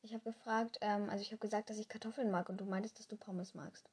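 Young woman, casual podcast chat, husky, strained voice, rambling, lots of fillers. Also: mid-range voice, steady tone, fast talker. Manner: chatty, rambling with many fillers. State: strained voice from shouting. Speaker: podcast co-host.

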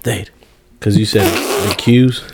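Joking man co-hosting a podcast, low voice. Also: steady tone, measured pace, background noise. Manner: joking, playful slang. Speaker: podcast co-host. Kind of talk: casual chat.

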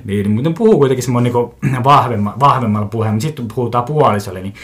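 A man's voice: mid-range voice, a bit bright. A man hosting a casual solo podcast, rambling through his pet peeves in a self-mocking, grumbling way, often restarting his sentences and chuckling to himself. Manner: mimics other people's voices for comic effect. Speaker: podcast host.

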